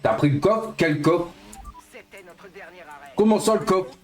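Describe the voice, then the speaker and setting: A man in his thirties streaming a racing game live, excitable and swearing, mocking himself playfully. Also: high voice, slow pace, roomy sound, soft background music. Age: 30s. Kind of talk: casual live-stream gaming chat.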